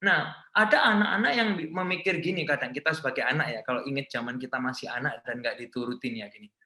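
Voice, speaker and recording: A man with an Indonesian accent preaching a sermon as a pastor, mixing in English phrases and swinging from loud emphasis to hushed lines. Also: medium pitch, fast. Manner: switches often between Indonesian and English phrases. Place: large church hall. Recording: echoey church hall.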